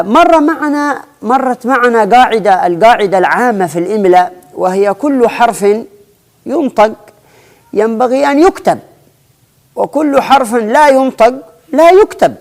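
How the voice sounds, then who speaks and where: A woman teaching an Arabic spelling lesson, often restarting and repeating phrases and slowing down to spell out example words. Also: on the high side, darkish tone. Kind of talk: explanatory lesson.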